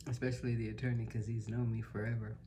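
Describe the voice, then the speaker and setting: A woman's voice: extremely low pitch, quick pace, noisy background. A middle-aged woman telling a story in a casual, chatty vlog style, acting out what people said. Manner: chatty, animated when quoting people. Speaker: mukbang vlogger.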